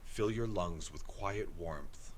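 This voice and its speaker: A man narrating a gentle bedtime sleep story in a soothing, hushed, unhurried manner. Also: low voice, slight background noise.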